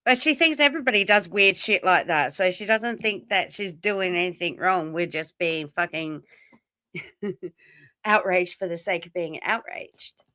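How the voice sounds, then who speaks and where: A woman joining a casual livestream as a guest, her voice a little low but sharp and bright. She speaks bluntly and indignantly, swearing now and then. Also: measured pace, no echo.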